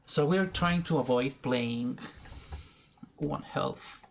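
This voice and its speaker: Slow, gravelly man commentating gameplay. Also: mid-range voice. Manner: slow, thinking aloud with pauses and restarts. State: has the hiccups. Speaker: gaming video creator. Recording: faint background noise, poor recording.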